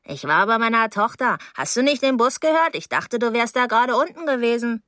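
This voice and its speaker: A woman's voice: on the high side, lively intonation, a little fast, fairly bright tone, no room sound, studio quality, voice pushed up. A woman voicing a nosy old landlady with heart trouble who nags and scolds while out of breath. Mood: nagging.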